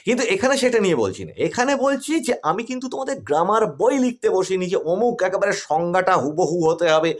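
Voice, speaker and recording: Male English tutor, Bengali native, online class, animated delivery, dry close sound. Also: high voice, fast, few pauses, no room sound. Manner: explains step by step, checks in with "right?". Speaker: English teacher.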